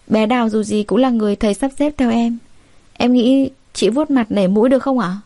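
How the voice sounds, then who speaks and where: A woman's voice: fairly high pitch, a little fast, warm tone, no echo, close to an everyday voice. A woman voicing a wronged young bride who speaks politely but with indignation.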